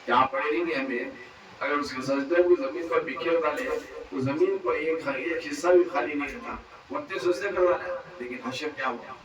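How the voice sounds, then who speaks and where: A man's voice: a little high, normal speed. Impassioned preacher man, echoey hall. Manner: impassioned, repetitive, rhetorical questions, pleading. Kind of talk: Urdu religious speech at a gathering. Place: large hall at a religious gathering. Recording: echoey PA sound from far off with crowd.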